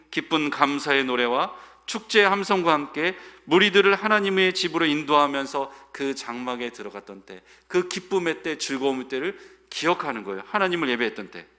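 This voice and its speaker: Lively, bright-voiced Korean man preaching. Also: a little high. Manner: expressive preaching, swings from loud to hushed. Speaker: pastor. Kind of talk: sermon.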